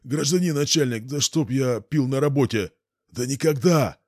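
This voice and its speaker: A man's voice: mid-range voice, normal speed, dry recording, clean studio sound, voice pushed up, lightly acted. A man doing a stammering drunk old watchman. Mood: whining. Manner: stammering, wheedling, self-pitying. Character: frightened drunk old village morgue watchman, whining.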